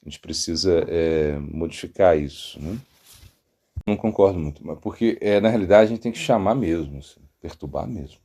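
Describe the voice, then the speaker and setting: A man's voice: deep voice, moderate pace, warm tone. A Brazilian monk giving a sermon, rambling with many fillers and restarts, acting out quoted voices as he tells stories. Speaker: monk teaching devotional yoga. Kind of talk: sermon, spiritual talk.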